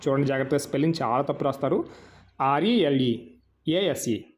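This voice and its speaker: A man with a Telugu accent leads a classroom-style vocabulary lesson in a slightly high voice. He spells every word letter by letter and runs through each verb form in slow, patient lists. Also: darkish tone. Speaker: English teacher. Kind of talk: vocabulary lesson, Telugu explanations of English words.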